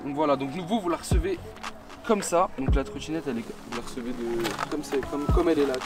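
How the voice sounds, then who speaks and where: A man's voice: a little high, a little fast. A man vlogging casually in French street slang, addressing viewers as mates while presenting a product. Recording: music behind the voice.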